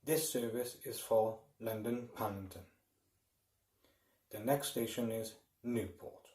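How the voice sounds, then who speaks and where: A man making formal, measured scripted train announcements over the intercom. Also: lowish voice, steady tone, mellow. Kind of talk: scripted public address announcement. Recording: echoey, distant intercom sound.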